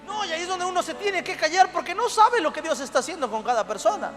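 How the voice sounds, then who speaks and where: A pastor preaching a sermon in a church hall with a Mexican Spanish accent, moving from quiet, intimate talk to loud shouting. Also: male voice, very high-pitched, animated, quick pace. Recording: long church reverb with music underneath.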